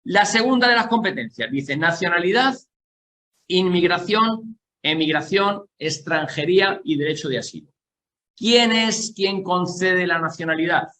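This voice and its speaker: With a high voice, lively intonation and a sharp tone, this Castilla-La Mancha teacher from Spain works through an exam-prep lecture. He explains as he goes, repeatedly checks in with the class, and eases his pace to emphasize what matters.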